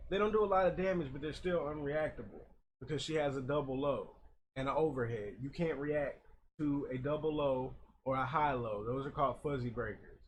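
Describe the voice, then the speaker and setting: A man giving informal, opinionated gaming commentary, recorded a little far from a makeshift old mic. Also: fairly high pitch. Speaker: gaming video host. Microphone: makeshift old mic, not close. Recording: far from the mic, background noise.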